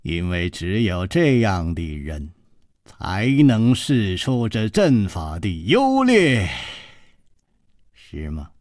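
A male storyteller voicing a courteous, scheming young man who speaks softly and with drawn-out chuckles, in a traditional storytelling performance. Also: lowish voice, wildly swooping pitch, no echo, clean studio sound, pitched below the performer's own voice, full character voice. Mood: sly. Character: polite scheming young male host, smiling.

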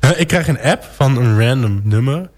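A man's voice: medium pitch, animated, moderate pace. A young man co-hosting a local radio show in casual, chatty banter, laughing easily and restarting his sentences. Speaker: radio co-host.

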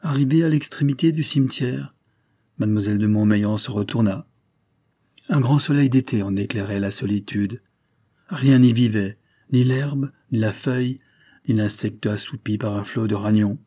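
A man narrating a classic novel in a measured, dramatic reading. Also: on the low side, dark tone. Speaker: audiobook narrator.

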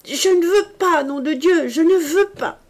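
A woman reading an audiobook voices a frantic, desperate young man, shouting and pleading. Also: very high-pitched, a little slow, pitched above the performer's own voice. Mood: raging.

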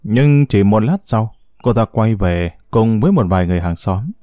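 Man with a dark, lively storytelling voice. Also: lowish voice, moderate pace, no echo, studio quality. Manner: expressive, dramatic reading. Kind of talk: dramatic story narration.

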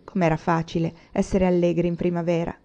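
Woman reading a book aloud, steady, lowish mellow voice, bit muffled. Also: a little fast. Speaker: audiobook reader. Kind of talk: audiobook reading. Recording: muffled lo-fi recording.

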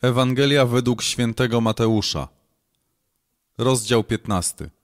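A man reading scripture aloud in a measured, solemn way. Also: mid-range voice. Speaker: scripture reader.

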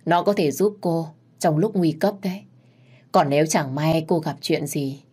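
A woman's voice: sits low, warm tone, husky. A woman voicing a stern older woman who gives solemn, insistent warnings.

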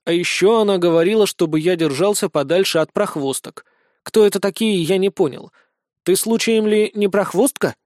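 A man's voice: sits high, normal speed, a little mellow, dry recording, clean studio sound, natural voice. A man voicing a naive young man who speaks in a plain, matter-of-fact, innocent way in an audiobook. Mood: earnest. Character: naive young man, earnest and literal-minded.

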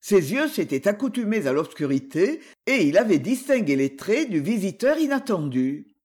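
An audiobook narrator reading a classic adventure novel with expressive storytelling. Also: mid-range voice, moderate pace, slightly rough.

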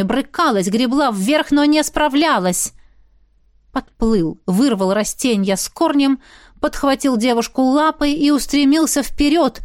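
A woman narrating an audiobook in the first person, dropping to a lower, quieter voice for inner thoughts. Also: no room sound, studio quality.

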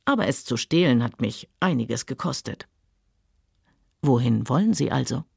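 A woman reading a novel aloud, voicing a worldly, sardonic Southern gentleman who speaks coolly and mockingly. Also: a bass voice, expressive, moderate pace, vocal fry, husky, dry recording, studio quality, voice pushed down, heavily acted. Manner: sardonic, cool, later soft and soothing.

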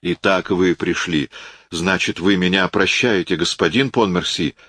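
Narrator playing a quiet old man: deep, restrained, humble and soft. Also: unhurried, no room sound. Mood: subdued. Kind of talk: audiobook character reading.

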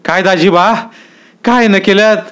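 A man's voice: high voice, moderate pace, a bit bright, clear, resonant tone, pitched above the performer's own voice. A man voicing an old village elder who scolds and then asks anxious questions in a storybook reading. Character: frightened old village elder, sharp-tongued.

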